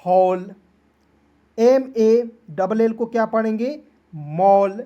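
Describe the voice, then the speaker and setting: A woman teaching beginners to read English, spelling each word letter by letter and drawing the sounds out slowly. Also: on the high side, mellow, lo-fi sound. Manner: spells words letter by letter, then stretches them out slowly; repetitive, checks in with "clear?" and "okay". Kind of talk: phonics lesson for beginners.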